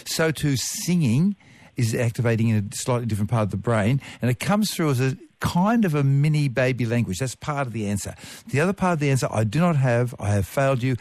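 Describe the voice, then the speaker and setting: A man explains science to callers on a radio call-in show. He jokes as he goes, his voice recorded dry and close in the studio, at an ordinary middle pitch. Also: expressive, fairly quick, darkish tone, no room sound. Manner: playful, jokey explainer. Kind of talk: casual radio Q&A.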